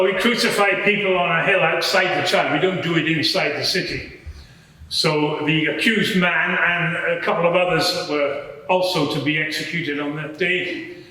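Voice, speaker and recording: Testifying in character as a plain-spoken Roman soldier, a man addresses a dramatised courtroom inquiry in front of a live audience. His voice is a little high and sharp-toned, his explanations measured and slightly hesitant. The large public-building courtroom produces heavy echo.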